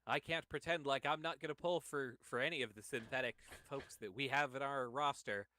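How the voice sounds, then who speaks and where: A man giving excited play-by-play commentary on a wrestling match, calling each move as it happens. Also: mid-range voice. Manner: excited, calls moves quickly.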